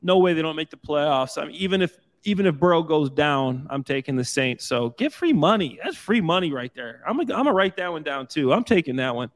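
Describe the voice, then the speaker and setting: Upbeat joking former football player. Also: male voice, on the high side, big pitch swings, brisk, few pauses. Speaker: former pro football player turned analyst. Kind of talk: casual sports talk.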